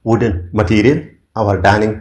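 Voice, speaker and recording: A man teaching an English grammar lesson in Urdu, slowly dictating each example phrase by phrase. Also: lowish voice, steady tone, a little mellow. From Pakistan. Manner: slow, deliberate dictation of examples.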